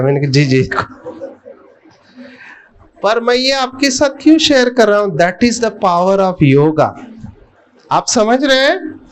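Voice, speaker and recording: A middle-aged man giving a spiritual talk, telling a personal story and putting questions to his listeners. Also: sits high. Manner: slow, storytelling, addresses the audience with questions. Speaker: spiritual speaker.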